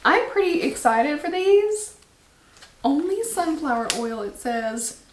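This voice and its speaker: A woman's voice: high-pitched, very animated, takes it slowly, roomy sound, a little hiss or hum. A woman hosting a snack taste test in casual chat, bubbly and enthusiastic. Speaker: host.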